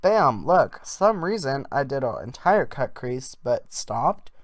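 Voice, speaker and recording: A man's voice: medium pitch, sing-song, slow, no echo, studio quality. A man doing a casual improvised voiceover as a makeup vlogger, rambling in an offhand, jokey way.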